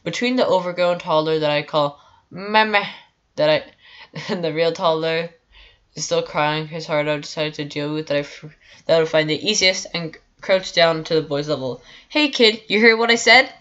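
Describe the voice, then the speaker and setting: A young woman with a low voice reads a story aloud on a live stream. She stumbles often and restarts her sentences. The audio is dull and lo-fi. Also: steady tone, normal speed. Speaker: streamer reading stories aloud.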